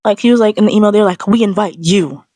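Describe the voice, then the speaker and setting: A woman vlogger ranting in a sassy, animated, slangy way, straight to camera. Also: mid-range voice, fast talker. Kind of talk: casual ranting monologue.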